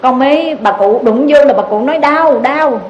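A woman's voice: high-pitched, fairly quick, a little mellow, lo-fi sound, a little hiss or hum. A Buddhist nun giving an earnest dharma talk, urging her listeners with repeated rhetorical questions. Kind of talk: sermon.

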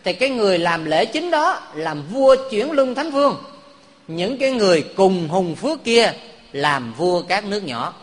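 Very animated at a moderate pace, this high-voiced monk jokes, tells stories and puts questions to his audience during a humorous dharma talk. A long hall reverb surrounds his voice.

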